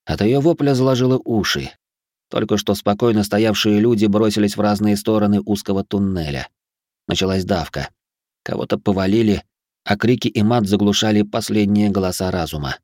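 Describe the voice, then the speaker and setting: A man reading a first-person audiobook in steady scripted narration. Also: lowish voice, a little fast, no room sound, studio quality.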